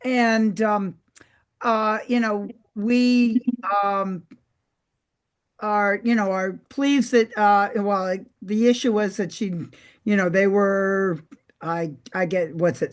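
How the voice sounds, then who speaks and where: A woman representing a neighborhood council, giving a spontaneous update at a meeting with halting, circling explanations. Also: medium pitch.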